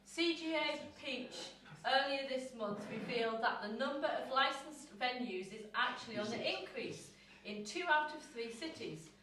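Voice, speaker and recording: Brief: teasing, fairly high-voiced female co-host, distant in a booming room. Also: expressive, normal speed, crowd noise. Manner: teasing, chatty. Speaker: brewery live stream co-host. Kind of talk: casual chat and news reading. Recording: very echoey room, voice distant from the mic.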